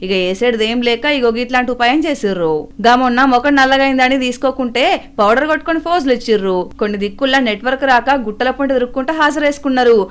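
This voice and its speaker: A woman's voice: a little high, fast, clean tone. A woman with a Telangana accent narrating satirical news voice-over with wry, mocking commentary. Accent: Telangana Telugu.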